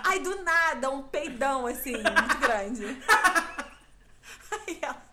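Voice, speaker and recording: Lively high-voiced woman storyteller. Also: normal speed, background noise. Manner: animated, mimics voices in quotes, laughs often. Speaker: podcast co-host. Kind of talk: casual storytelling chat.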